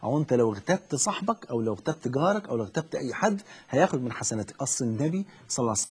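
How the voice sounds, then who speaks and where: A man's voice: mid-range voice, very animated, very fast, a little mellow, slightly rough. A man with an Egyptian Arabic accent, a preacher giving fervent, fatherly religious advice on a call-in show. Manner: fervent, fatherly, keeps saying "my dear".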